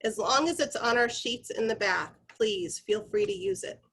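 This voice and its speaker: A woman's voice: on the high side, sing-song, moderate pace, gravelly, fairly bright tone, slightly rough. Conversational woman leading corporate training. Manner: conversational, instructive, addressing the group directly. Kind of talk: corporate training presentation, informal explaining.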